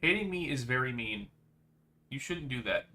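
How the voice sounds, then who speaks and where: A man's voice: medium pitch, expressive, moderate pace, bright, forceful tone, soft background music. A young man chatting casually on a gaming stream, rambling and teasing his friend, full of fillers and restarts.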